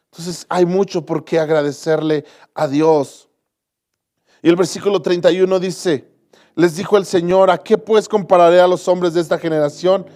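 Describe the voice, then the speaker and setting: Man, pastor, high voice, earnest sermon, repeats and restarts phrases, church. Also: darkish tone.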